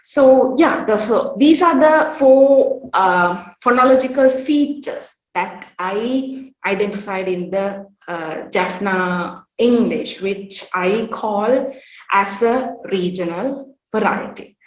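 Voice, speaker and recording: A woman's voice: medium pitch, lively intonation, takes it slowly, roomy sound, poor audio. A woman giving an academic conference presentation, hesitant, with frequent fillers and restarts.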